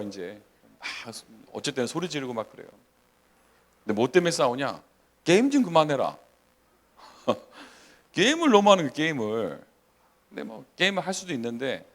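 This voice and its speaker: A man in his forties, a pastor delivering a sermon, asking the congregation questions, acting out little scenes and reading scripture slowly. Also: medium pitch. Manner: animated preaching with rhetorical questions and acted asides; slow, measured scripture reading.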